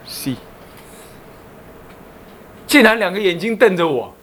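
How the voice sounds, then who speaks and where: A man's voice: sits high, very animated, slow, a bit bright, slight background noise. A man with a Taiwanese Mandarin accent, a Buddhist abbot teaching a class, who quizzes his listeners and teases them in playful asides. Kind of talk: lively Buddhist lecture.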